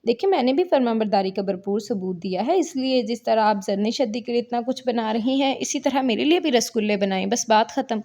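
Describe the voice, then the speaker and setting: A woman's voice: on the high side, hardly any pauses, dark tone. A woman voicing a spoiled, stubborn young wife who whines and overacts her hurt. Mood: whiny. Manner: whiny and melodramatic.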